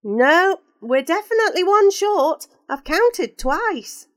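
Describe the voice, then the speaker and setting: A woman's voice: very high voice, very animated, slow, pitched above the performer's own voice, exaggerated voice. Woman voicing an exasperated male teacher. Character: harried male school teacher.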